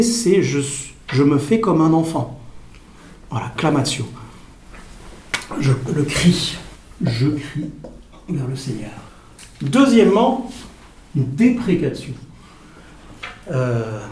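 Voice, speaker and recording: A man giving a spoken teaching on prayer to a group, halting with many fillers and repeated words, asking the audience questions. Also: fairly high pitch, a little mellow, slight background noise. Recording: echoey room, voice from a distance.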